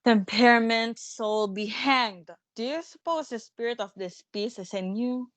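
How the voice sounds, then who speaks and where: A woman's voice: a little high, a bit bright, no room sound. Woman playing a bossy, dismissive theatre manager. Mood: dismissive, commanding. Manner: brisk, scornful, commanding. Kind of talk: dramatic stage-play reading.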